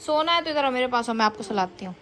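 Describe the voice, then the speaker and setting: At home, a young mother vlogs casually, coaxing and scolding her small children while chatting to viewers. Her slightly high, animated voice races along with a bit of brightness, and the home recording is noisy.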